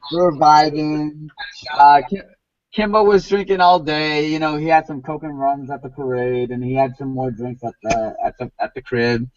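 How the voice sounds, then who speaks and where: A man's voice: on the high side, fairly even intonation, moderate pace, no echo. A man hosts a loose podcast chat in a slightly raised voice. He rambles, stumbles over repeated words and leans on "you know". The recording is dry and dull, like lo-fi audio. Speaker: podcast host. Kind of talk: casual chat.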